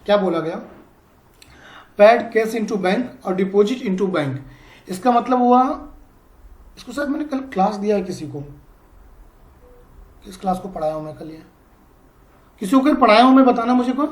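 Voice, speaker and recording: A male accounting teacher giving a classroom lecture, explaining slowly and checking often that students follow. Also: high voice, lively intonation, echoey room.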